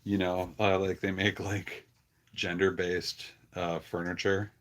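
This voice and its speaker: A man with a low yet somewhat bright voice talks slowly and with little pitch movement as he hosts a casual livestream about his animals on a farm, warmly lapsing into pet talk.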